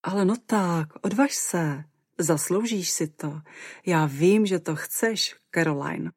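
Woman doing a soft-spoken teasing young man. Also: fairly low pitch, no room sound, clean studio sound, close to an everyday voice.

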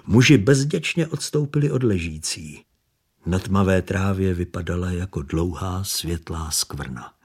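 A man reading a story aloud as narrator, steady and measured. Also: deep voice, breathy edge. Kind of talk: audiobook narration.

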